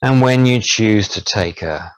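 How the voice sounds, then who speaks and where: A man leading a guided hypnosis relaxation, speaking in slow, soothing, drawn-out phrases. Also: fairly low pitch, no room sound, muffled recording.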